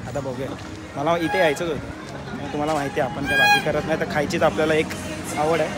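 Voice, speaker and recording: Loud music plays behind this young man in his twenties as he talks quickly and steadily in a slightly high voice. He's a chatty travel vlogger holding his phone at arm's length outdoors, on a roadside and at a cafe, calling viewers brothers.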